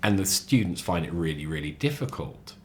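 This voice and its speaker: Deep-voiced guy chatting on a podcast, jumps into funny voices when quoting people, bit of faint background hum. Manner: animated storyteller, acts out quotes with sudden high voices; halting restarts, repeats words. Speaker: podcast guest; lecturer. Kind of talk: casual chat.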